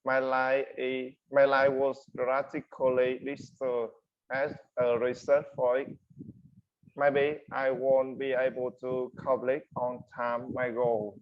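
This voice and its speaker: Slow, flat young man. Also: mid-range voice, muffled recording. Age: 20s. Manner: reads prepared answers carefully. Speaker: interview guest. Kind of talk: classroom English speaking exercise, scripted interview.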